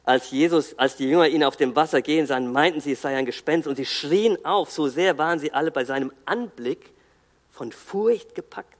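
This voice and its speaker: A man giving an earnest, emphatic sermon, pausing and restarting as he speaks. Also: on the high side, in a large hall. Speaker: guest preacher.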